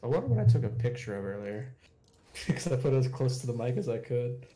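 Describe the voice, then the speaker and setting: A man's voice: mid-range voice, animated, fairly quick, dark tone, a little hiss or hum. Laid-back teasing guy on a stream. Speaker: co-player friend. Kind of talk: casual gaming chat.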